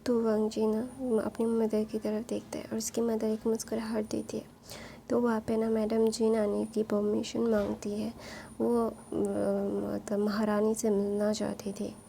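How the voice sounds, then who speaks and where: A woman's voice: fairly high pitch, monotone, a little slow, vocal fry, mellow, slight background noise, poor audio. A woman retelling a fanfiction story casually, chatty and full of fillers.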